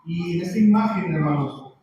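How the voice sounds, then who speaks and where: Mexican man, Sunday school teacher, higher voice, stumbling restarts, faint noise behind. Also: highs cut off. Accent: Mexican Spanish. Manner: halting, many restarts and filler words, checks in with listeners. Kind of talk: casual Bible class teaching.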